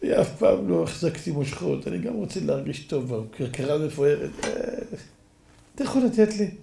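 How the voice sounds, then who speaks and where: A man's voice: fairly high pitch, expressive, vocal fry, dark tone, echoey room, a little hiss or hum, pitched below the performer's own voice. A man doing a whiny lame beggar. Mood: pleading. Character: brazen lame male beggar, pleading then pushy.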